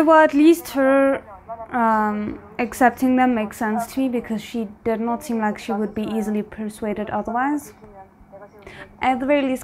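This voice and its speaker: A woman with a slightly high voice hosts a video, reacting casually and spontaneously as she thinks out loud in an animated, exclamatory style.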